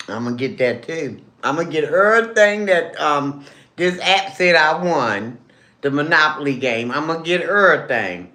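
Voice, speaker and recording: This livestream host has a low-pitched, fairly bright voice that echoes around the room. She talks casually with viewers over lunch, humming while she chews and calling them honey and baby.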